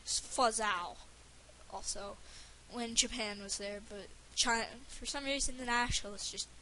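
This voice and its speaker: A woman's voice: a little high, a little slow, bright, forceful tone, poor audio. A woman giving casual gameplay commentary for a let's play, rambling and stumbling over her words with lots of fillers. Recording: faint hiss under the voice.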